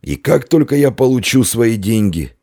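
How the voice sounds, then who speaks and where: A man voicing a sly, stocky innkeeper who pleads and frets in a flustered, higher voice in a storybook reading. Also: expressive, moderate pace, vocal fry, husky, dry recording, studio quality, full character voice. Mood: grumbling.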